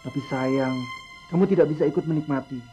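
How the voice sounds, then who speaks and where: Patient male religious teacher acted, fairly high pitch, calm counsel, TV drama, faint music. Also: brisk, lightly acted. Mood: calm admonishing. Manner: calm, admonishing. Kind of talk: television drama acting. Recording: music behind dialogue.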